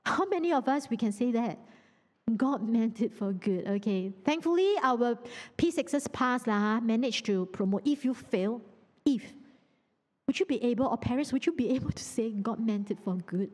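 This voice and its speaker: A woman with a Singaporean English accent giving a lively, conversational sermon, teasing and quizzing her audience. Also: on the high side, normal speed, big-room sound. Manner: animated, teasing, asks the audience questions. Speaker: preacher.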